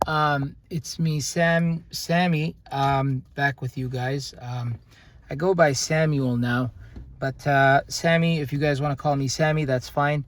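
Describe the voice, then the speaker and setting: A young man teaches a casual grammar lesson in a steady voice on the high side. He explains unhurriedly, halting often with fillers and restarts.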